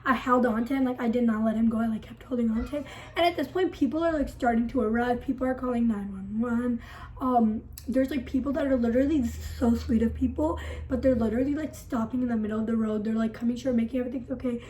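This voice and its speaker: A woman's voice: a little high, quick pace, mellow, slight background noise, poor audio. A woman vlogger telling a storytime in a dramatic, breathless way, filling it with "like". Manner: breathless, dramatic retelling packed with "like". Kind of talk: storytime vlog.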